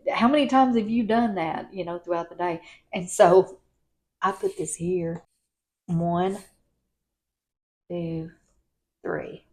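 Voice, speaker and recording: A woman's voice: fairly low pitch, darkish tone. A woman, chatting casually in a rambling, folksy way as she tidies her home and talks to viewers on a clip-on mic. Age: 50s. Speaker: lifestyle vlogger. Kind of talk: casual home vlog chat. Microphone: wired clip-on mic.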